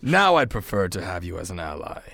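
A man reading a menacing, tempting dark lord in a script table read, slow and persuasive. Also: low-pitched, sing-song, gravelly, no echo, full character voice. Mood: cold.

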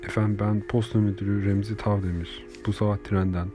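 Man reading an anxious aging postmaster near retirement; formal and polite, low and level, music underneath. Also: level tone, brisk, natural voice.

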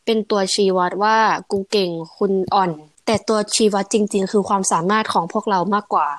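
A woman's voice: medium pitch, fairly even intonation, fairly quick, dry recording. A woman co-hosting a casual chat podcast, talking bluntly with slang and frequent laughter. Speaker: podcast co-host.

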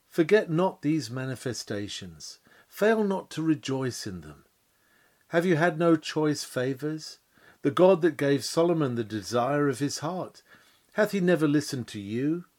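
A man's voice: a little high, darkish tone. A man delivering a sermon in solemn, old-fashioned biblical language, full of rhetorical questions. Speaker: preacher. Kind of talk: sermon reading.

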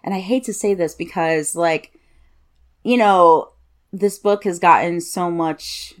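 A woman's voice: fairly low pitch, takes it slowly. A woman co-hosting a casual podcast, talking informally and a little hesitantly, in a self-deprecating way. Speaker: co-host.

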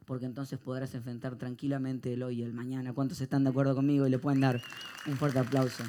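A male pastor, preaching a sermon to a live congregation and swinging between hushed reflection and loud, animated storytelling. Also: mid-range voice, quick pace, noisy background.

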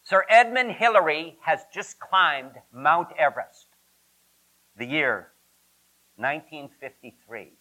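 A man's voice: on the high side, slow pace, sharp tone, poor audio. A man preaching a sermon emphatically, asking rhetorical questions and drawing out repetitions. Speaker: pastor.

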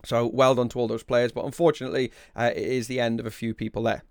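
A man's voice: medium pitch, little pitch movement, fast, smooth, dry recording, studio quality. A man hosting a podcast, talking in a chatty, informal way as he gives commentary and asks questions. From the Wirral, north-west England. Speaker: podcast host. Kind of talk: conversational quiz recap and interview.

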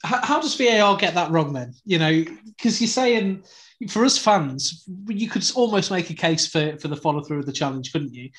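Higher-voiced man hosting a football chat. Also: animated, moderate pace, fairly bright tone. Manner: chatty, leading questions, teasing. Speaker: podcast host. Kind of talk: podcast football discussion.

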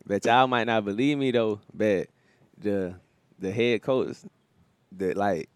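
A man's voice: lowish voice, takes it slowly, smooth, no room sound, clean studio sound. A young man chatting casually as a guest athlete, with a hesitant, slangy, understated delivery. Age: young adult. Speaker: guest high school athlete. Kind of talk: casual chat.

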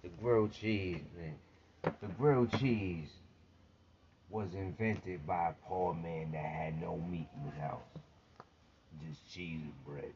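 A man's voice: low voice, slow pace. A man in casual banter, emphatic and swearing freely, repeating himself to make his point. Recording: dull lo-fi sound with faint noise.

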